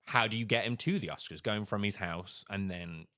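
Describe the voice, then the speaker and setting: Man, low voice, podcast co-host, casual storytelling, playful asides. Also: moderate pace. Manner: storytelling, animated impressions. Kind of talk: casual chat.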